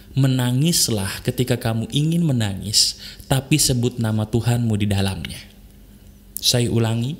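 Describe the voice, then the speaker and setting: A man hosting a motivational podcast, talking earnestly and coaxingly to listeners, repeating his key points. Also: fairly high pitch. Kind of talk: heartfelt motivational talk.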